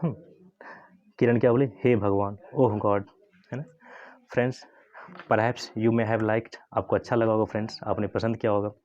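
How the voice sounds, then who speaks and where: Guy teaching english, slow and repetitive, checks in a lot, kinda muffled lo-fi audio. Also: lowish voice, level tone, darkish tone. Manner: slow, repetitive explaining with frequent tag questions. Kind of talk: Hindi-language English lesson.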